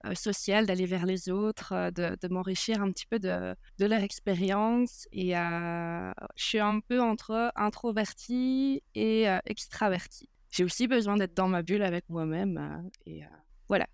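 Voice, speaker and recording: A young woman talks as a podcast guest in a relaxed, unhurried way. She pauses often and fills gaps with small hesitations. Her voice is smooth and resonant, and the recording is dry with no room sound. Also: medium pitch, no room sound. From Belgium. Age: 20s. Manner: hesitant, many filler pauses. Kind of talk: casual interview chat.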